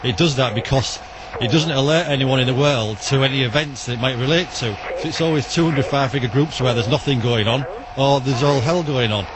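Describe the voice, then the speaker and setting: A man's voice: medium pitch, fairly quick, few pauses, noisy background. A man interviewed outdoors in a back alley, explaining radio details in a matter-of-fact way. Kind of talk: interview answers.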